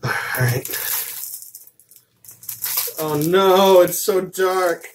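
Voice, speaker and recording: A man's voice: sits high, drawn-out words, slight background noise. A man co-hosting a casual video, complaining dramatically and half laughing while in pain from a very hot chip. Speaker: co-host. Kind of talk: casual chat.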